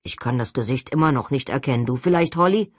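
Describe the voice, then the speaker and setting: Grumbling teenage boy, put on by a woman, husky low tone, dry close sound. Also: expressive, no echo. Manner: grumbling, reproachful, lower and slower.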